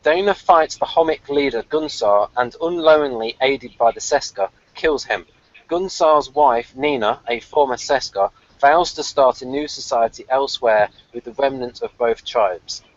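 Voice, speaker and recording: His mid-range voice moves at normal speed as he co-hosts a review show, trading casual chat and reading episode summaries aloud. It's a lo-fi online call with dull sound.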